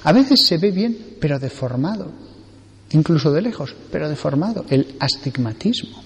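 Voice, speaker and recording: A man from Spain preaching a sermon as a priest, slow and earnest, repeating phrases for emphasis. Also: a little high, lively intonation, big-room sound. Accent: Spanish from Spain.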